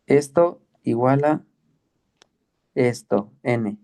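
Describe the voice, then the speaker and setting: A man teaching the Greek alphabet in an online class, patient and slow, often checking with "¿ok?". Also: medium pitch, creaky, warm tone. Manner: patient, explains slowly with many checks like "¿ok?" and "¿sí?".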